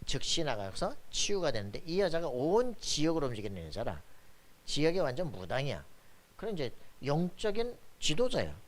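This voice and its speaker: Animated male pastor preaching. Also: fairly high pitch, normal speed. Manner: emphatic preaching with frequent "그죠?" tag questions; colloquial, blunt asides. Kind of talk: sermon.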